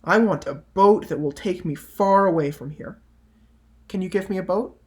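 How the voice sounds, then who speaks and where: A man's voice: high voice, normal speed, close to an everyday voice. A man voicing a needy, self-absorbed boy who grows up, in a picture-book read-aloud. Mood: weary.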